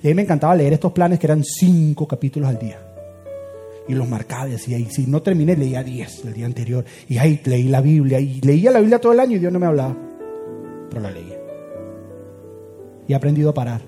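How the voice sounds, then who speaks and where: A man preaching a sermon as a pastor, swinging from loud urgent build-ups to hushed, quiet lines. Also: medium pitch, expressive, fast talker, long pauses, faint music behind.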